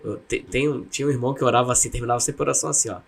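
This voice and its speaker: A man's voice: medium pitch, steady tone, rapid-fire, creaky. A man from Brazil co-hosting an online class, chatting and recalling stories. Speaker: pastor co-host.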